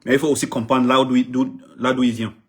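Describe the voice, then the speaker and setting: Fast-talking and flat, with a husky medium-pitched voice, this middle-aged Cameroonian man addresses the public in French with great passion. He's an artist manager whose native language is English, and he repeats himself emphatically and often trips over his words.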